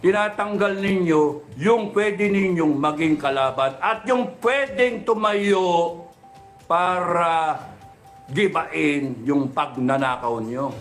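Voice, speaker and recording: A man in his thirties or forties rants with heat, hammering out question after question and peppering them with a mock-respectful "sir." His voice sits a little higher than most men's, and soft music plays underneath. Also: slow pace. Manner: fiery, repeated rhetorical questions, mixes Tagalog and English; mock-polite "sir" addressing officials. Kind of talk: impassioned political rant.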